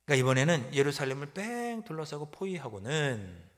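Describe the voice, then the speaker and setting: A male pastor preaching a sermon, swinging from loud exclamations to hushed, whispered asides. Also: fairly high pitch, sing-song, a little fast. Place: church sanctuary. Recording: long church hall reverb.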